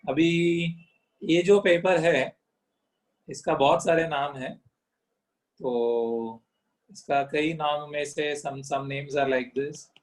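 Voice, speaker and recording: Slow, pausing male lecturer. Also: on the high side, poor audio. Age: middle-aged. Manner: mixes languages, slow with many pauses and fillers; checks in with "correct?". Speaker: teacher.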